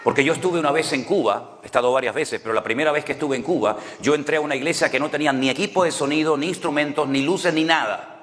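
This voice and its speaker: Preaching in Canarian Spanish, this pastor from the Canary Islands has a fairly bright, medium-pitched voice that echoes with big-room sound. His sermon unfolds through conversational storytelling and plenty of rhetorical questions.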